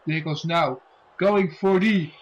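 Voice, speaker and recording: A man's voice: a little high, slow pace, highs cut off. A man working as a wrestling commentator, making dramatic calls and drawing out key phrases.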